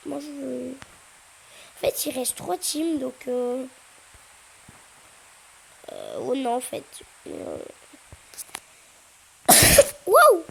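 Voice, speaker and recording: A high-pitched woman gives casual commentary over her gameplay, slow and unhurried, with a gravelly fry in her voice. She hesitates often and breaks out in sudden excited yelps. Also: low-quality recording. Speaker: gaming YouTuber.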